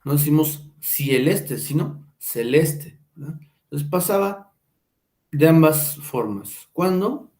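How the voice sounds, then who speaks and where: A male teacher giving a slow lecture, checking in with his listeners by asking whether they follow and drawing out each example word. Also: fairly high pitch, expressive, darkish tone, reverberant. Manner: drawn-out, careful enunciation of example words.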